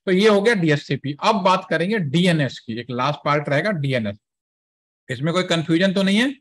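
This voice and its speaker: A man with a slightly high voice teaches a networking class. He explains things step by step in a chatty way, mixing English terms into his talk and checking now and then that the students are following. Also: lively intonation, a little fast. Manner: asks students checking questions. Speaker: networking trainer. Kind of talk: classroom lecture with software demo.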